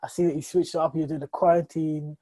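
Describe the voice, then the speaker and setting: A man's voice: on the high side, level tone, fast, warm tone. A man, a podcast guest chatting casually in slang and repeating phrases for emphasis. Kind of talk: casual chat.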